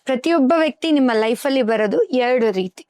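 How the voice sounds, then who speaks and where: A woman's voice: sits high, fairly quick, darkish tone, no room sound. A woman guest on a podcast, a life coach who explains earnestly with everyday examples. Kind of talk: podcast interview.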